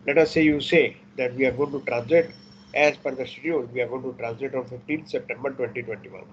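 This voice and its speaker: A man teaches an online class at a very unhurried pace, mixing Hindi and English and repeating what matters. His voice comes through dull and muffled, with a faint hiss underneath. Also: medium pitch, fairly even intonation. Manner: mixes Hindi and English, repeats key points for emphasis. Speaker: merchant navy exam instructor.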